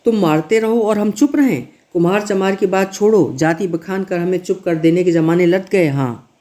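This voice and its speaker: A defiant village woman hurls challenges at her in-laws in a storybook reading, acted out by a man. The voice sits raised and mellow, fierce but not harsh. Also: high voice, normal speed, pitched above the performer's own voice, lightly acted.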